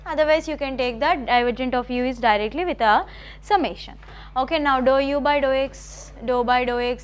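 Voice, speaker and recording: A woman college math lecturer, dictating notes slowly and repeating phrases, often checking with the class. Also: high voice. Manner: repetitive, slow dictation with checking questions.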